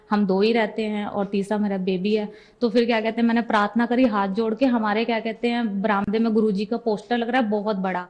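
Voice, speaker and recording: A young woman with a fairly high voice tells her story of faith in an earnest, homely way. She keeps retelling who said what, one exchange after another. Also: darkish tone. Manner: earnest, retells conversations with repeated 'I said'. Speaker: devotee giving testimony. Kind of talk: personal testimony storytelling.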